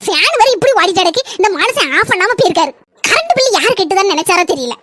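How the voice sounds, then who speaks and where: Woman voicing a very high-pitched cartoon mother-in-law, nagging and sly, quick bright voice, dry sound. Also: sing-song, dry recording, exaggerated voice. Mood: wheedling. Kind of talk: cartoon comedy voice acting.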